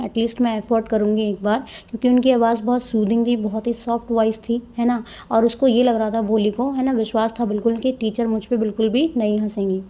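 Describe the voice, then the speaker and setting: High, mellow-voiced woman teaching a textbook chapter. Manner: reads English lines slowly, then explains in Hindi-English mix; frequent tag questions. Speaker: English teacher. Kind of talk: explaining a textbook chapter, reading passages aloud.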